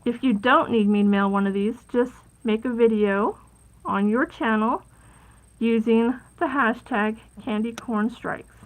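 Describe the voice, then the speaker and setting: A woman hosting a casual live crafting stream, chatty and rambling, with plenty of fillers and soft asides at her craft table. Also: a little high, fairly even intonation, unhurried, rough recording. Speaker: crafting livestream host.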